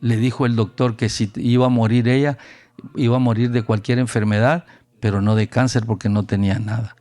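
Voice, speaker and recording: A Honduran man with a Honduran Spanish accent preaches a storytelling sermon at a youth camp. His medium-pitched voice is brisk and animated as he acts out the voices of the people he quotes.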